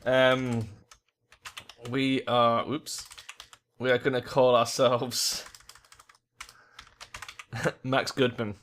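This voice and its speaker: A man hosting a casual let's play, talking in a mid-pitched voice. He thinks aloud in an informal, sweary way, commenting on the game as he goes. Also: flat delivery, very slow, long pauses, a bit bright, slight background noise. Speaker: gamer, let's play host.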